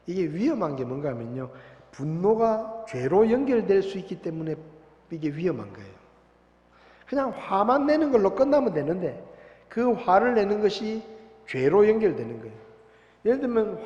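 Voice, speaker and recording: A man's voice: high voice, a little mellow. A man preaching a sermon in a church, emphatic and putting questions to his congregation. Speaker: pastor. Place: church sanctuary. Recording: echoey dull church recording.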